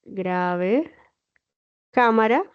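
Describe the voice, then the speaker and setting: Speaking very slowly in a smooth, expressive mid-range voice, a woman teacher patiently walks her students through an online lesson and checks on them. The sound comes through a computer mic, with the dull, lo-fi quality of a video call.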